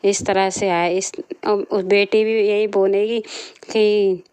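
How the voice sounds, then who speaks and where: A woman's voice: mid-range voice, level tone, slow pace, darkish tone, clean tone, no room sound. A woman vlogger telling a story from her life and giving earnest moral advice, repeating herself often. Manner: repetitive, earnest, preachy.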